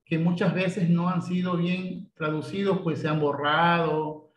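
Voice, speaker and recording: A man's voice: fairly high pitch, flat delivery, measured pace, reverberant, poor audio. A man leading a church Bible study, explaining at length with many fillers and frequent questions to check his listeners follow. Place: church meeting room.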